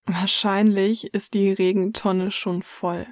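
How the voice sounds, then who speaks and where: A woman reading a guided relaxation story in the second person, soft and hushed. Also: mid-range voice, level tone, slow, no echo, studio quality.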